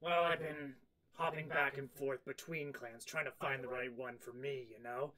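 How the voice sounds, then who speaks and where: A man's voice: mid-range voice, little pitch movement, normal speed, a crowd in the background, natural voice. A man playing a bold, bluffing female half-orc emissary in a tabletop game, assertive and improvising. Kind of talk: improvised tabletop role-play.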